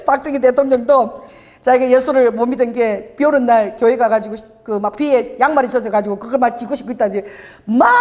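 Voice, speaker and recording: This is a sermon in a large church hall, where a middle-aged woman pastor with a fairly high voice tells a personal story about her husband. She brings it to life by acting out the dialogue, laughing frequently throughout.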